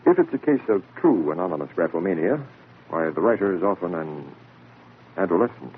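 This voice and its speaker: Pedantic, guarded radio-drama doctor, lower register, thin hissy old recording. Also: male voice, lively intonation, fairly quick, narrow, tinny audio. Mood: uneasy, evasive. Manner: pompous, clinical, hesitant when pressed. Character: evasive, self-important male psychiatrist, busy and pedantic. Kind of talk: 1940s radio acting.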